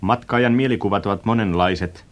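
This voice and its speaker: A man narrating a radio travel reportage in a measured, descriptive and reflective way. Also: fairly low pitch, highs cut off.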